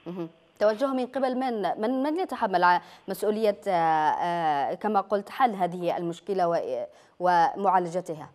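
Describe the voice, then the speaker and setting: A woman hosting a live TV news interview from a studio, asking questions quickly with many hesitant fillers. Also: on the low side, darkish tone, slight background noise. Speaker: news host.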